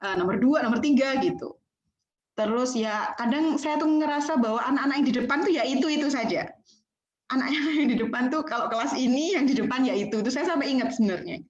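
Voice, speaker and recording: A woman delivers a training lecture over a video call, chatty and animated, slipping into the voices of students and teachers. Her voice sits a little high. The sound is echoey and a bit muffled, as if from a room through a laptop. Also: quick pace. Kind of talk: online lecture. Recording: echoey, dull online call audio.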